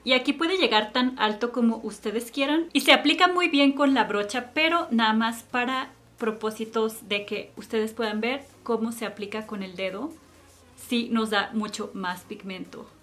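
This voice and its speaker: A woman's voice: a little high, moderate pace, fairly bright tone, soft background music. A woman giving a chatty makeup tutorial and product review, fond of cute diminutives. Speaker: beauty vlogger.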